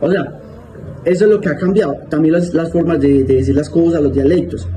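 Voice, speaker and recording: A man's voice: on the high side, fairly quick, background noise. Casual Colombian man explaining Latin. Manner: casual, restarts often, asks ¿cierto? for agreement. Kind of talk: informal explanatory lesson.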